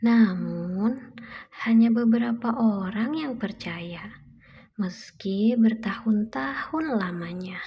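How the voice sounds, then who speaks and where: A woman's voice: medium pitch, slow pace, breathy edge. A woman, a mother reading a picture book aloud to toddlers in simple storytelling, repeating and explaining lines, on a muffled recording with background noise.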